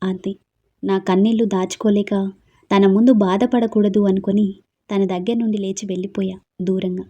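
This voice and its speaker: A woman narrating a first-person romantic story in a soft, subdued way. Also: medium pitch, little pitch movement, normal speed, slightly rough, dull audio.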